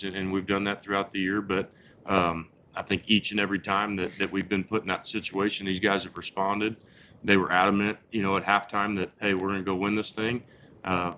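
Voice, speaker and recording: A man, a football head coach, giving halting, earnest, unscripted answers in a post-game interview, often repeating words as he goes. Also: sits low, sharp tone, slight background noise.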